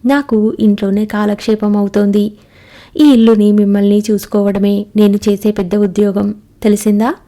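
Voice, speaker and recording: A gentle young wife from a storybook, voiced by a woman reader. She speaks with soft affection and a light teasing edge. The voice is mellow and keeps an even, level pitch. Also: moderate pace, lightly acted. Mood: tender. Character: Radha, devoted young wife, gentle and homely.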